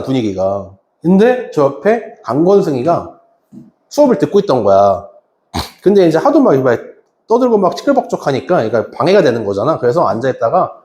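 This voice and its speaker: A man telling his class a story from his teaching days, with a lively voice that swings up and down. He acts out his own scolding of students with sudden loud shouts. The room around him sounds echoey. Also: on the high side. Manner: animated, wide-ranging delivery. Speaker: academy teacher. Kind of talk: storytelling anecdote in a class talk. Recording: roomy echo.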